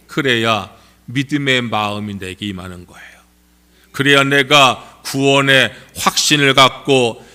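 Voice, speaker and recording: A man preaching a Sunday sermon as pastor, measured and emphatic, with rising stresses and formal blessings. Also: medium pitch, sharp tone, smooth. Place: church sanctuary.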